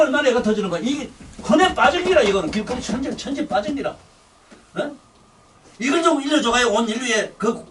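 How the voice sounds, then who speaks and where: A man's voice: very high-pitched, pushed and bright, distant mic. An older man with a Busan accent, giving a rambling dharma sermon in a blunt, scolding, coarse-spoken way. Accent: Gyeongsang (Busan). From Busan, South Korea. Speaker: Buddhist dharma teacher.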